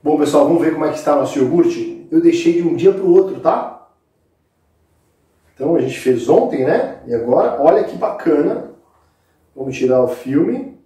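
A Brazilian-accented man in his forties hosts a cooking show, casually explaining a recipe step by step to viewers in an informal, instructive way. His mellow voice is a little high and animated, at normal speed with frequent pauses, recorded on a distant microphone in a very echoey indoor kitchen set with a brick wall.

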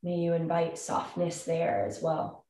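A woman in her thirties leads a calm grounding meditation, giving soothing instructions with long pauses between phrases. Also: low voice. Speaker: meditation guide. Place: indoor room with wooden floor and plank wall. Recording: roomy echo, distant microphone.

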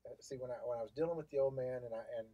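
Guest, male, husky tone, emphatic, repetitive storyteller. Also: mid-range voice, very fast, warm tone, no echo, highs cut off. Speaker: guest, sign business owner. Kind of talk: casual chat.

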